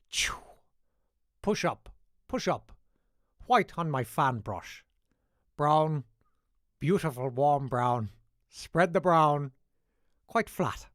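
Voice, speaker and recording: A man voicing a soft-spoken Irish painting instructor from a TV show, giving slow, gentle brushwork instructions with an imitated Irish accent. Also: a little high, dry recording, studio quality, exaggerated voice.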